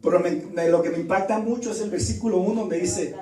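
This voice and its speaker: Brief: male pastor, high voice, lively storytelling sermon, far from the mic in an echoey church. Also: quick pace, faint music behind. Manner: animated storytelling, acts out quoted voices. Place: church hall.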